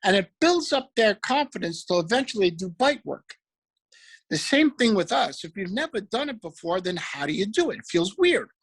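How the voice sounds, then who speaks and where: A man giving an energetic, preachy motivational talk about trading, repeating affirmations. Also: high voice, normal speed, husky, rough recording. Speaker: motivational speaker for a trading group.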